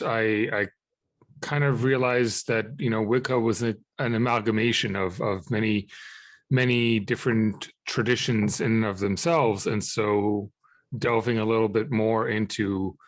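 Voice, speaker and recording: Low-voiced man in his thirties, halting. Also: dry recording. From Israel. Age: 30s. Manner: halting, many fillers and restarts. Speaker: podcast guest. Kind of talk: conversational interview answers.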